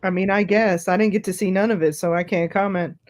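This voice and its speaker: A woman's voice: medium pitch, fairly even intonation, brisk, a little mellow. A woman in her forties, a guest in a casual live-stream chat, snarky and sarcastic, laughing often. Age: 40s.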